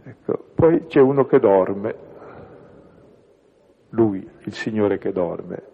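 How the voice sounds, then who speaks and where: A man leading a reflection on a bible passage, slow and measured, trailing off softly at the ends of phrases. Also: fairly low pitch, animated, creaky, husky. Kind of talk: spoken reflection on scripture. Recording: echoey hall over a tinny phone-like line.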